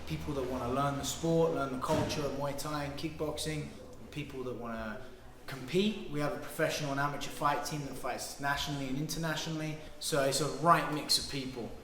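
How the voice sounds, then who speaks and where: A man's voice: mid-range voice, steady tone, brisk, hardly any pauses, background noise. A man who owns a Muay Thai gym and fights pro, talking earnestly and proudly about his team, often trailing off at phrase ends. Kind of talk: interview answers. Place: martial arts gym. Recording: echoey hall.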